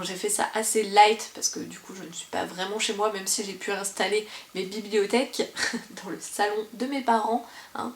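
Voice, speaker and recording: A woman's voice: medium pitch, echoey room, a little hiss or hum. A young woman presenting books in a casual vlog from her parents' living room, talking in a chatty way with many fillers and restarts. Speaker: book vlogger. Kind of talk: casual book presentation to camera.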